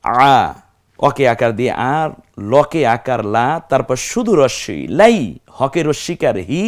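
A man's voice: mid-range voice, very animated, moderate pace. A man teaching Quran recitation, explaining step by step and drawing out the Arabic syllables he demonstrates. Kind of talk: recitation lesson.

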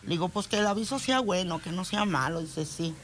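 A woman's voice: on the low side, expressive, fairly quick, a little hiss or hum. An older woman with a northern Mexican accent, telling a reporter her story with emotion and acting out what her family said. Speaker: interviewee.

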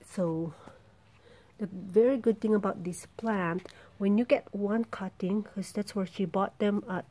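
A woman with a warm, steady, medium-pitched voice talks informally while showing off her plants outdoors. She holds the camera herself and speaks from behind it in a halting, meandering way, with backyard noise audible throughout.

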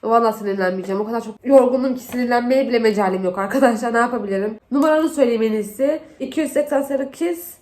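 A young woman chats through a makeup vlog while she has the flu, her voice sitting high. She retells an annoying episode in an animated, exasperated way and acts out both sides of the conversation. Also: racing, few pauses. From Turkey. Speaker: beauty vlogger. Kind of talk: casual storytelling while doing makeup.

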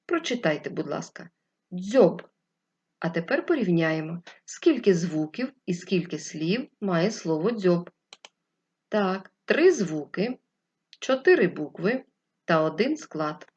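A woman teacher leads a distance literacy lesson for young children, speaking slowly, clearly and patiently. Her voice sits a little low and slightly husky. The recording is dull and lo-fi. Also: sing-song, a little mellow. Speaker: first-grade teacher.

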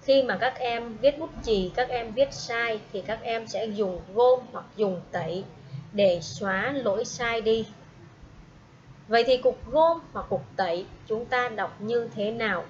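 A woman teaching a primary school English class, speaking slowly and patiently and having pupils repeat each word after her. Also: fairly high pitch. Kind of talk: slow classroom instruction with repeat-after-me drills. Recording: dull lo-fi audio with faint noise.

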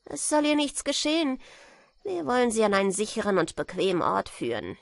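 A woman voicing a male robber leader who bargains in a slow, measured, threatening way. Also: high voice, sing-song, vocal fry, dry recording, clean studio sound, pitched above the performer's own voice, heavily acted. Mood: menacing.

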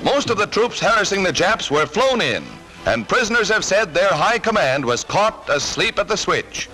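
A man narrating a 1940s wartime newsreel in a brisk, punchy, patriotic manner, heard as an old newsreel soundtrack. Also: high-pitched, big pitch swings, low-quality recording. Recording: narration over loud music.

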